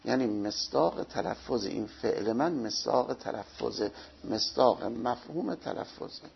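A man's voice: mid-range voice, lively intonation, gravelly. A man teaching a seminary lecture, explaining step by step and posing questions he answers himself. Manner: explains slowly, asks and answers his own questions. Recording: dull lo-fi recording.

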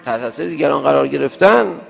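A male preacher giving an emphatic sermon to a gathering, firing rhetorical questions at the audience and swinging between loud outbursts and soft asides. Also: on the high side, animated, gravelly. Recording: dull lo-fi sound with long hall reverb and faint music.

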